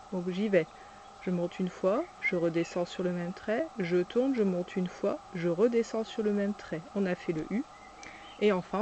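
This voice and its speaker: A preschool teacher slowly demonstrating cursive letter by letter, patiently naming each stroke aloud. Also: medium pitch, a little mellow, slight background noise. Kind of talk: step-by-step handwriting demonstration.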